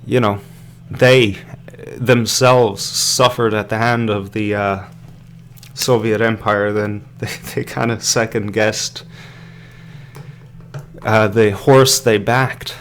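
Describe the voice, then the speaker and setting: Sipping beer as he goes, an Irish man hosts a podcast live stream with rambling, hesitant commentary, plenty of fillers and restarts. His low voice is steady and slow, with a little hiss or hum in the recording.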